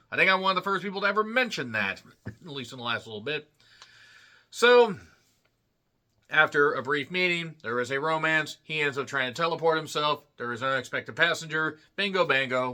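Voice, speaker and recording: A man's voice: medium pitch, pushed and bright. A man giving a casual solo movie review, rambling into jokey asides, puns and self-mockery. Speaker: film reviewer.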